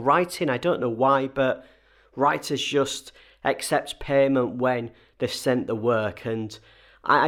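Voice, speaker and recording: A man with a slightly wheezy, chesty voice, getting over a cold, hosting a conversational solo advice episode with emphatic key points. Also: mid-range voice. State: recovering from a cold and chest infection. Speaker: host advising freelancers.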